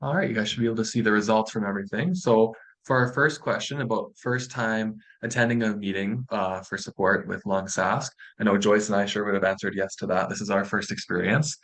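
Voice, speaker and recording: A young man with a Canadian accent gives an informal online student presentation, friendly, reassuring and encouraging. His voice is on the low side, and the recording is rough.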